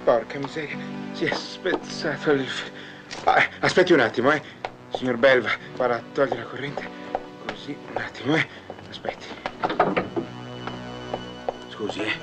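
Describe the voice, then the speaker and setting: A man's voice: medium pitch, moderate pace, pauses often, music in the background, close to an everyday voice. An actor playing a timid, bumbling man who stammers, mumbles to himself and fawns over his boss. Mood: fussing. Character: bumbling, timid middle-aged man, eager to please. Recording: noisy film soundtrack.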